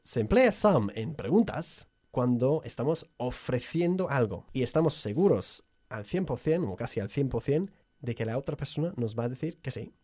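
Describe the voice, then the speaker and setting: A man's voice: medium pitch, lively intonation, normal speed, few pauses, warm tone, dry recording. A man hosting an upbeat bilingual radio English lesson, who laughs often and drills pronunciation in a studio. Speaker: English teacher and host.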